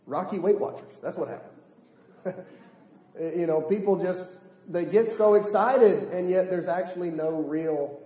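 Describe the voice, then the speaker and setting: A middle-aged man preaching a sermon in a lively, humorous way, acting out the people he quotes. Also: sits high, unhurried, highs cut off. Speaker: pastor. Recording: echoey hall, long reverb.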